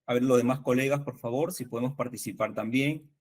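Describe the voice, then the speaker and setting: A man's voice: medium pitch, fairly quick. A man with a Peruvian accent teaching an online spelling workshop to fellow teachers, asking questions and confirming the answers. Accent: Peruvian Spanish. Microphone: video call.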